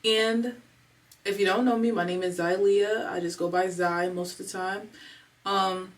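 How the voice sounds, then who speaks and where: A woman in her twenties talks candidly in a casual confessional home vlog, rambling and using slang while fighting back tears. Her voice is medium-pitched and unhurried with fairly even intonation, and she sounds a bit far from the mic.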